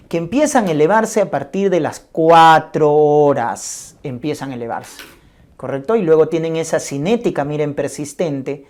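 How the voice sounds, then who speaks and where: A woman with a low, mellow voice teaches a medical class. She walks through each point slowly and repeats it. She keeps checking in with her listeners. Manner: didactic, repeats key points with frequent checks like "¿ya?". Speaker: medical lecturer. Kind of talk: medical lecture on ECG and cardiac markers.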